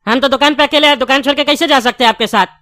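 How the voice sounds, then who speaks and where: Woman playing male cartoon shopkeeper, blunt and bantering, high bright voice, dry recording. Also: racing, no echo. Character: brash male sweet-shop owner, quick to argue.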